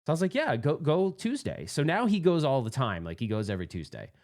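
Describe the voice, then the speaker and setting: Animated man telling a rambling story. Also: mid-range voice, racing. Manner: rambling, self-mocking, candid. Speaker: pinball channel host. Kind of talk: casual storytelling monologue.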